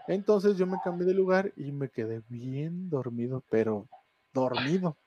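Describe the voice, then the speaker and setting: A man's voice: fairly high pitch, animated, unhurried, mellow, highs cut off, slight background noise. A man with a Mexican Spanish accent, co-hosting a casual podcast chat and telling a ghost story with slang and laughter. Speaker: podcast co-host.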